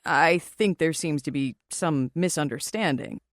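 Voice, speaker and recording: Brief: woman doing a lower, laid-back teasing man, dry close sound, amused and unfazed. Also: unhurried, no room sound. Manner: teasing, nonchalant. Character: amused, unbothered naked male stranger. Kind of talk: audiobook character voice.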